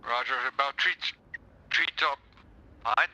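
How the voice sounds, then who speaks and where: A man heard over an in-game radio, answering as a helicopter pilot with hesitant callouts and filler pauses. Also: mid-range voice, bright, forceful tone, slight background noise, low-quality recording.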